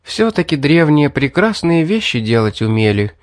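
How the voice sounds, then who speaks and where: A man's voice: a little high, sing-song, moderate pace, no room sound, clean studio sound, pitched above the performer's own voice. A man voicing a scheming young woman from a fantasy audiobook who coaxes, mocks and threatens. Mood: commanding. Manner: mocking, coaxing and threatening. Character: scheming young woman, sweetly coaxing and cold.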